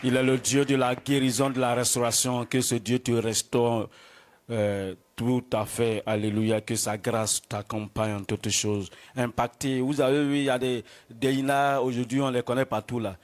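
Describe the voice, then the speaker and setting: A man's voice: mid-range voice, steady tone, normal speed. A man leading worship as pastor, preaching fervently and slipping into chanted praise. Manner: exhorting, declamatory, slips into chanting. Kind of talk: fervent sermon with sung praise. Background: loud church music.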